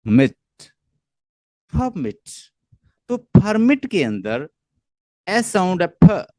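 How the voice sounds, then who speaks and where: A man's voice: high voice, darkish tone, dry recording. Pakistani man teaching poetry, patient and repetitive. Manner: repeats points patiently, mixing in English terms. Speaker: literature teacher. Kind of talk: online lecture.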